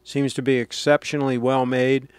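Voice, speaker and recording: A man giving a casual product review, explaining things in a plain-spoken, unhurried way. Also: medium pitch, flat delivery, smooth, no echo.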